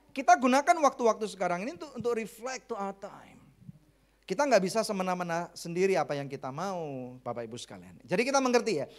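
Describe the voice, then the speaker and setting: A middle-aged man with an Indonesian accent preaches a sermon as a pastor. His voice sits a little high, and his delivery is lively and conversational, mixing jokes and English phrases into the preaching.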